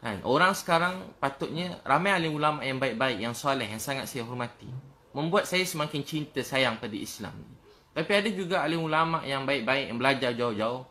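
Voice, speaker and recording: A man's voice: medium pitch, expressive, brisk, pushed and bright. A middle-aged man with a Malaysian Malay accent, preaching emotionally and repetitively, rising into fervent prayer. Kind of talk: emotional religious talk.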